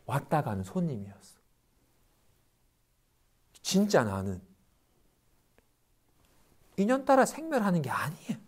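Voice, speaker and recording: A man, a Buddhist monk, giving a dharma lecture and acting out everyday complaints in quick asides. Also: on the high side, wildly swooping pitch, breathy edge.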